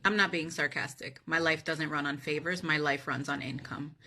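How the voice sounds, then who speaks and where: A woman's voice: sits low, fairly even intonation, moderate pace, pushed and bright, a little hiss or hum. A woman playing an assertive, sardonic office employee in a workplace comedy skit, speaking firmly, bluntly and with sarcasm. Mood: matter-of-fact, firm. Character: assertive, sardonic female office employee who refuses unpaid work.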